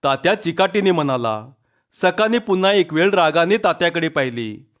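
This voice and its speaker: A man reading a rural village story aloud in a steady, expressive narration. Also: a little high, moderate pace. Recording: muffled lo-fi recording.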